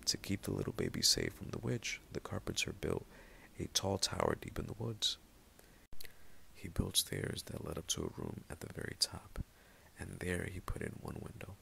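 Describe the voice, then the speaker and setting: A man narrating a bedtime story in a calm, soft, often half-whispered reading. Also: sits low, normal speed, gravelly, slight background noise.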